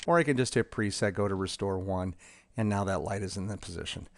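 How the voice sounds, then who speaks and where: A man casually walking through a demo of his software tool, talking in a halting way with many ums and restarts. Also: low-pitched, slight background noise.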